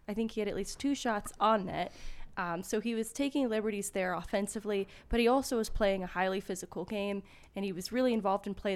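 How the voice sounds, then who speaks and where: A woman with an average-pitched voice works as an analyst on a sports talk show. She explains plays casually, in earnest and measured detail. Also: darkish tone.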